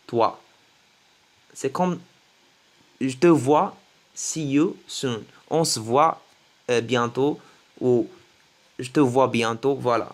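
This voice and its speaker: A man teaching English greetings to French speakers, slowly repeating each phrase several times. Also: medium pitch. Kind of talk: French-language English lesson.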